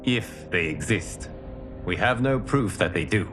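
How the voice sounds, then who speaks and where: A composed heroic leader. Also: male voice, deep voice, animated, unhurried, noisy background. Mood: earnest. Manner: composed and earnest. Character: calm male protector and leader of heroes. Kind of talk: video game cutscene acting. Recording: game audio with music bed.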